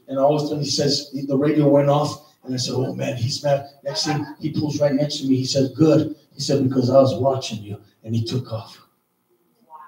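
A man preaching a sermon, telling a personal story in a loose, conversational way full of "man" and "you know", sometimes shouting. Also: medium pitch, slight background noise. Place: church hall. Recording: echoey church hall, distant mic.

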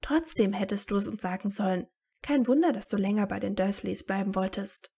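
A woman reading aloud and voicing an excitable, bossy teenage girl witch who exclaims shrilly. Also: medium pitch, a little fast, creaky, husky. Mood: scolding.

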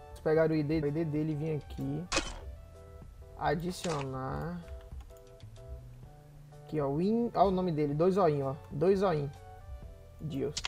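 A man's voice: a little high, gravelly, warm tone. A young man with a Bahian Brazilian accent chatting casually and informally with his viewers as a gaming YouTuber. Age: young adult. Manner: informal, slangy, addressing viewers as buddies. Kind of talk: casual gamer vlog chat. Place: small home gaming room. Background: background music.

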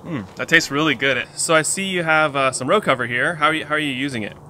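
A man interviewing a farmer he mentored, speaking casually outdoors in a backyard garden and encouraging him with quick affirmations. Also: fairly high pitch, sharp tone, a little hiss or hum.

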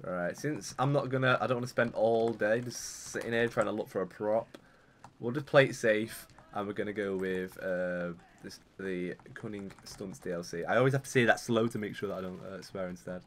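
A young gaming YouTuber with a fairly low voice talks a little fast as he plays, his commentary casual, chatty and rambling. Whenever things go wrong, he gets excitable.

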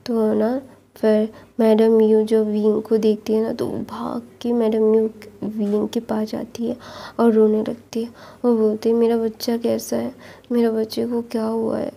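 A woman casually retelling a long story in a soft, chatty way. Her voice is dark and gravelly, with a flat, even pitch. She strings the plot together with the same linking phrases again and again.

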